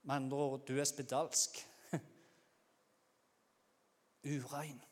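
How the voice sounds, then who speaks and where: A man with a Norwegian accent preaching a sermon in a conversational way, now and then acting out loud cries. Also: medium pitch, level tone. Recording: long hall reverb.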